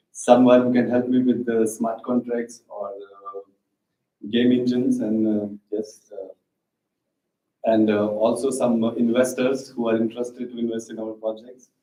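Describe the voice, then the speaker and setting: A man, a game founder and developer, giving a hesitant short pitch full of filler sounds. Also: warm tone. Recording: echoey hall from far off.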